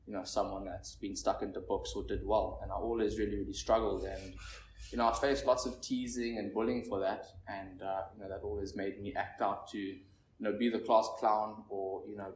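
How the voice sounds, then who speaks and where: This is a recovery share from a Zimbabwean man in his twenties, spoken in a lowish voice to a meeting room audience. He sounds nervous and shaky, rambling haltingly and leaning heavily on fillers. Echo, a far-off microphone, and faint background noise mark the recording.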